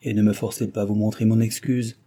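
A man voicing an impetuous young gentleman who pleads with ardent warmth. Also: lowish voice, level tone, brisk.

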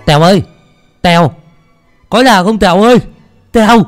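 A man voicing a chubby, loud, teasing village boy, shouting and joking. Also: fairly high pitch, expressive, unhurried, faint music behind, voice pushed up. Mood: calling loudly. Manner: shouty, cheeky, laughing.

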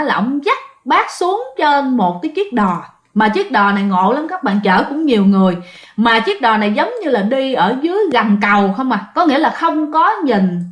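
A woman telling a ghost story in a chatty way, talking straight to her listeners. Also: a little high. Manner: chatty, addressing listeners directly. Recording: echoey room.

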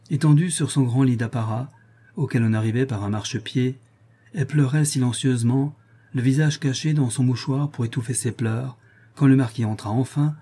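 Husky, mellow male audiobook narrator. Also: mid-range voice. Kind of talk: audiobook reading of a classic novel.

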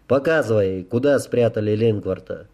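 A man's voice: lowish voice, normal speed, warm tone. A man voicing a hard, commanding male leader who speaks curtly and with cold menace, in an audiobook. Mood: brusque. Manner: curt and brusque.

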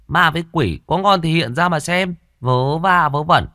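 A man voicing a cocky young girl who taunts ghosts in a loud, brash voice. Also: fairly high pitch, lively intonation, takes it slowly, no room sound, studio quality, voice pushed up, heavily acted. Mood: taunting.

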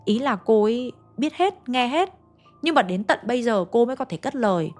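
A woman's voice: fairly high pitch, animated, normal speed, a little mellow, faint music behind. A woman narrating a ghost story, chatting directly to her listeners.

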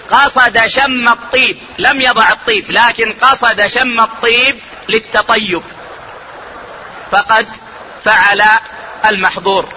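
High, sharp-voiced man teaching religious law. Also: slight background noise, low-quality recording. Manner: measured, deliberate, stresses key words slowly. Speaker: Islamic scholar teaching jurisprudence. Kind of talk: religious lesson lecture.

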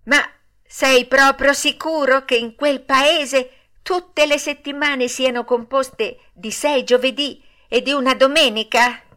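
A woman voicing Pinocchio, a naive wooden puppet boy, with dreamy drawn-out exclamations in an audiobook. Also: high-pitched, fairly even intonation, fairly bright tone, pitched above the performer's own voice. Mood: pleading. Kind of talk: audiobook character voice.

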